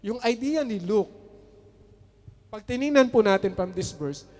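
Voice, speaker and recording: A man's voice: high voice, lively intonation, measured pace, a little mellow, big-room sound. A man preaching a sermon as pastor, switching between Tagalog and English with chuckling asides.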